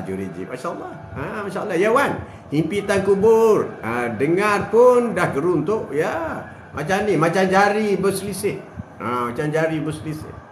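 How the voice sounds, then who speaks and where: An older man giving a casual religious talk, animated and full of rhetorical questions, joking with people in the room. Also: high-pitched, slight background noise. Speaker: religious speaker. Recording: roomy echo with faint ambience.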